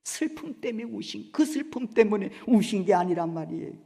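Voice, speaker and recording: Animated male pastor in an echoing church. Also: sits high, fairly quick, creaky. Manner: dramatic swings between loud cries and hushed whispers; asks the congregation questions. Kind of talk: Sunday sermon. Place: church sanctuary. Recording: reverberant church hall.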